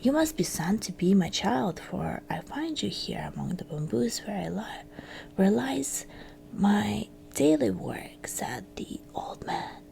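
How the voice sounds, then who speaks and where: A woman tells a fairytale as ASMR storytelling, speaking in a breathy, crackly whisper at medium pitch. Her phrasing is hushed and sing-song, with gentle pauses.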